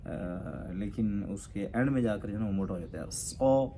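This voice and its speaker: A man teaching Quran pronunciation, explaining letter sounds and drawing out the model syllables slowly. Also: fairly low pitch, mellow, a little hiss or hum. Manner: slow, drawn-out model pronunciations; explains with pointing gestures. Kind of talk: tajweed lesson.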